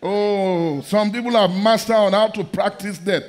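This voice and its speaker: A middle-aged man preaching a sermon in a large church hall, fervent and repetitive, often breaking into shouts. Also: high-pitched, fairly even intonation, measured pace.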